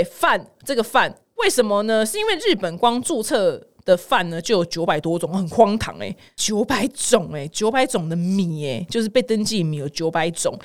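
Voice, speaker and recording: A medium-pitched woman with a Taiwanese Mandarin accent hosts a casual news podcast. She's exclamatory and dramatic, wanders off into personal asides, and slips English words into her speech.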